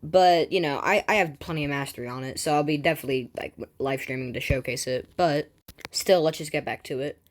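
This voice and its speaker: A woman hosting a gaming channel, reading game news aloud and breaking off into rambling, excitable asides full of restarts and filler words. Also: sits low, fairly quick. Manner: excitable, jumps between reading and personal asides.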